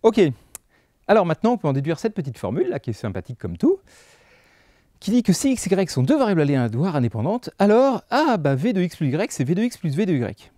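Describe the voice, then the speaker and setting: A man's voice: sits high, wildly swooping pitch, a little fast, mellow, dry recording, clean studio sound. A man teaching a math lesson over slides, casual and chatty, thinking aloud with fillers and little jokes.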